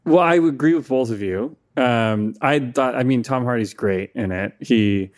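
Mid-pitched man, guest on a podcast, reflective and measured. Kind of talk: casual film-review chat.

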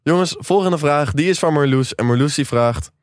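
A man's voice: on the high side, normal speed, dry recording, studio quality. A young Dutch man in his twenties co-hosting a student podcast, teasing his friends and reading out listener questions. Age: 20s. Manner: relaxed, teasing, hosts the segments. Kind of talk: casual chat.

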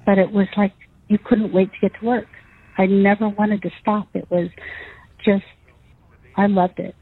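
A woman's voice: medium pitch, little pitch movement, moderate pace, slightly rough, dry recording. A middle-aged or older woman recalling personal events conversationally, as an interviewee. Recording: muffled lo-fi interview audio.

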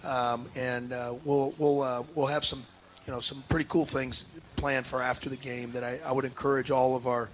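A man's voice: medium pitch, little pitch movement, moderate pace, slight background noise. A man, a head basketball coach, talking earnestly in a casual radio interview, with many restarts and fillers. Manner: earnest, emotional.

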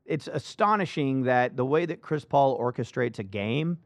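A man hosting a casual sports talk show, emphatic and animated, often restarting his sentences. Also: medium pitch, normal speed, dry recording.

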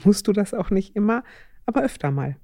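A middle-aged woman in a relaxed podcast chat, sharing parenting advice in a mellow, dark voice. She talks thoughtfully and hesitantly, pausing on fillers as she works through her ideas. The sound is dry and close. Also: mid-range voice, dry recording. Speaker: parenting advisor. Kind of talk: casual podcast conversation.

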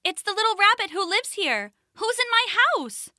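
A small timid rabbit with a high, pleading voice, as a woman puts her on. The storybook creature sounds small and anxious. The sound is dry and close. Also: big pitch swings, moderate pace, pushed and bright, no room sound, full character voice. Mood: nervous.

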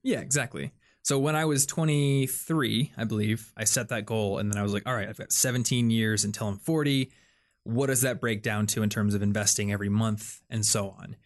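Fairly quick and fairly even in intonation, this young podcast host's voice sits on the low side. He chats casually, working through his thoughts aloud with many fillers and false starts.

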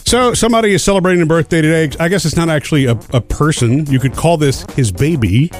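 A man with a fairly high voice hosts a radio show. He talks in casual banter, with faint music playing behind him. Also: quick pace.

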